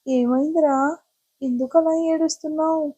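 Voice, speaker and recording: A woman voicing a gruff, doting young man. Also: high-pitched, fairly even intonation, moderate pace, dark tone, highs cut off, lightly acted. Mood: worried scolding. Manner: scolding yet tender.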